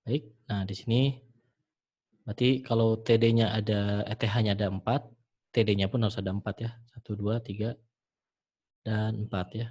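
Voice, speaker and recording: A man teaching programming in a screen-recorded tutorial, talking the viewer through each step in a relaxed way with frequent fillers. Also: lowish voice, moderate pace, long pauses. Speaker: programming instructor.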